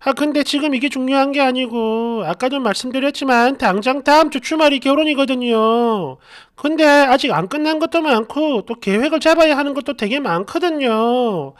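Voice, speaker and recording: A woman hosts a storytelling channel, reading online posts aloud with a chatty, conversational flow. Her voice sits high, and she drops sarcastic asides between the lines she reads. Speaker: channel host.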